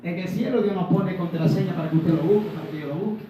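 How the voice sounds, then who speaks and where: Male preacher from Ecuador, high voice with a mellow tone, animated sermon delivery, miked from a distance in a very echoey room. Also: fast, a little hiss or hum. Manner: animated, rhetorical questions to the congregation, acts out little dialogues. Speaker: evangelist preacher. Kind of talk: Pentecostal sermon.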